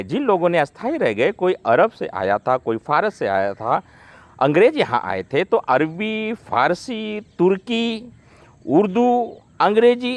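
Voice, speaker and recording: Lively-voiced man teaching grammar. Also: high-pitched. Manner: explains slowly, listing word pairs one by one. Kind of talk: classroom-style grammar lesson.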